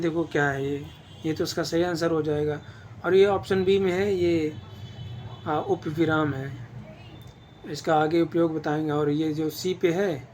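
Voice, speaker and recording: Man, teacher, exam-prep grammar lesson, patient step-by-step explaining, somewhat high voice, faint hiss behind. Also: a little mellow. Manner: patient explaining with repeated check-ins.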